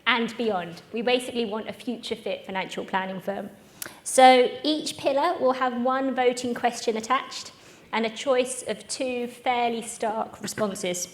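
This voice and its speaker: Bubbly, high-voiced woman hosting. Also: fairly even intonation, unhurried. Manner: bubbly, chatty, self-mocking. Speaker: event host. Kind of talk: live conference presenting. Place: conference room with live audience.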